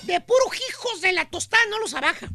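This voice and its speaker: A man with a Mexican accent tells a comic story as a radio show host, full of slang and drawn-out pauses. His voice is gravelly and bright, and he speaks with a high pitch for a man. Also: soft background music. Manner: slangy, animated, dramatic pauses.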